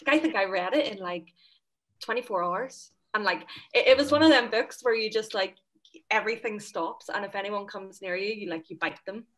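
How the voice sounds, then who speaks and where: Through poor audio from a laptop webcam, a young Northern Irish woman on a panel chats brisk and enthusiastic from a room at home. Her mid-range voice has a fairly bright tone, and her casual video call talk is full of fillers.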